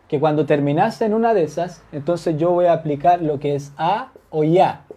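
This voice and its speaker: A Turkish language teacher with a warm, medium-pitched voice patiently gives a grammar lesson at a whiteboard. She repeats example phrases and checks understanding with tag questions.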